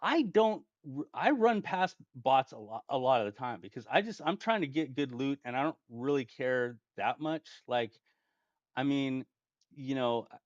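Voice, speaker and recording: A man's voice: medium pitch, lively intonation, normal speed, no room sound. Male gaming host, casual rambling storyteller, dull lo-fi home mic. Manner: rambling, restarts often, chuckles while telling.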